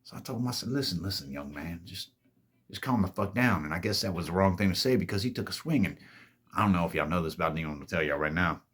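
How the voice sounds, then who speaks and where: A man's voice: sits low, very fast, fairly bright tone. A man hosting his own show, telling a story in a rambling, boastful, profane way and calling his viewers "babies". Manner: laid-back, rambling delivery with self-corrections. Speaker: host. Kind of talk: storytime monologue.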